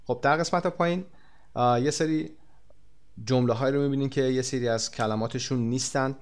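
A man from Iran giving a recorded English lesson, explaining quickly and then modeling each English phrase slowly and deliberately. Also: medium pitch. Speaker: English teacher.

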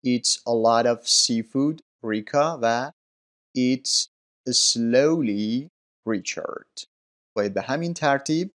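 A man with a Persian accent teaching English, explaining grammar patiently and politely. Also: medium pitch. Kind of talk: language lesson explanation.

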